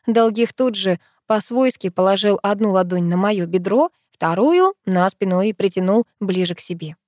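A woman narrates a story in the first person with lively, expressive delivery. Her voice sits in a middle range, recorded dry and close with no room sound. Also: medium pitch, normal speed, no echo. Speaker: audiobook narrator.

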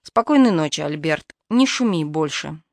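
A woman voicing a sleepy father who speaks in a drowsy monotone. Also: sits low, moderate pace, no echo, studio quality.

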